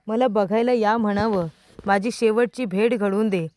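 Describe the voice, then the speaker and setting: A woman's voice: mid-range voice, steady tone, normal speed, a little mellow, dry recording, natural voice. A woman voicing a young husband who teases his wife and then patiently explains, asking rhetorical questions. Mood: pleading. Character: young man, teacher, teasing then earnest.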